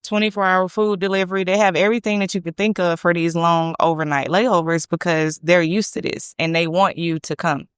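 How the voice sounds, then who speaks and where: A woman's voice: fairly low pitch, fairly even intonation, brisk, few pauses, smooth, no echo, studio quality. A woman vlogging casually about travel, chatty and repeating points for emphasis. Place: hotel room.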